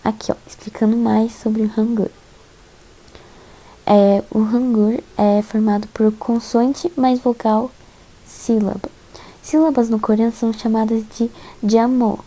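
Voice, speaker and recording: A woman's voice: fairly high pitch, flat delivery, a little slow, mellow, poor audio. A young woman from Brazil casually walking viewers through lesson slides, chatty and a bit hesitant, with frequent fillers and giggles. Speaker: host teaching Korean alphabet.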